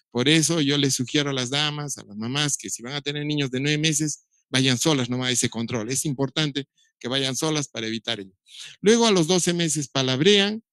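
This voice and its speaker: A middle-aged man who is a doctor gives a recorded lecture on child development, covering how children learn to speak in a step-by-step, explanatory way. He imitates baby sounds and shows touches of dry humor. His mid-range voice is a bit bright, with no echo.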